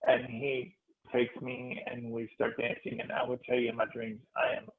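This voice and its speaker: A man, a spiritual healer, telling a heartfelt story to a meditation group, animated and restarting his phrases. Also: mid-range voice, moderate pace, creaky. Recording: tinny phone-like audio.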